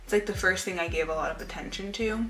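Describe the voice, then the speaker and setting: Low-pitched young woman chatting casually in a roomy space. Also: quick pace, a bit bright. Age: 20s. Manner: informal, rambling, confiding. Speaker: lifestyle vlogger. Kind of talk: casual chit-chat to camera. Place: indoor room at home. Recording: roomy echo with music behind. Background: music.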